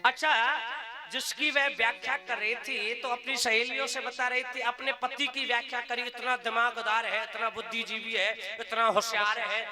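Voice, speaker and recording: A man with a very high voice preaches and tells a homely folk tale. An accordion plays clearly behind him throughout the live talk. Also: little pitch movement, moderate pace. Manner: storytelling, calls on the crowd to chant. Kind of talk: devotional discourse with a folk story. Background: accordion music.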